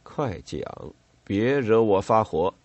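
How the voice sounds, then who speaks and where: An irritable, worn-out army lieutenant, read by a man. The voice sits low and moves slowly, clipped and exasperated, husky and dry. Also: animated, a little mellow, dry recording, muffled recording. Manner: curt and exasperated.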